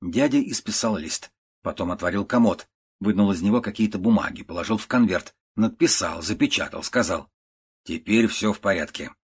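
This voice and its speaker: A man reading a story aloud in a slow, measured, steady way. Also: lowish voice, slightly rough. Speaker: narrator.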